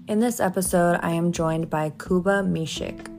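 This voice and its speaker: Woman, podcast host, scripted intro, low voice, clear music underneath. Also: moderate pace. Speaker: podcast host and health coach. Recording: music playing behind voice.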